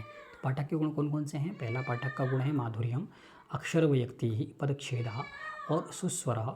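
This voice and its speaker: A man giving an online lecture, explaining each term slowly with many repetitions and check-ins. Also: medium pitch, noisy background. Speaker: Sanskrit teacher.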